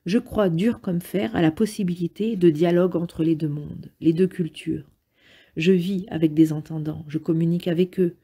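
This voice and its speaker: A woman reading a memoir aloud in the first person, calm and measured. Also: fairly low pitch, breathy edge. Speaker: reader.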